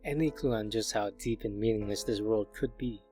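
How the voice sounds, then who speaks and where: A man's voice: on the low side, fairly quick. Man reading visual novel text over piano. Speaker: visual novel playthrough narrator. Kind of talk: reading game text aloud. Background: soft piano music.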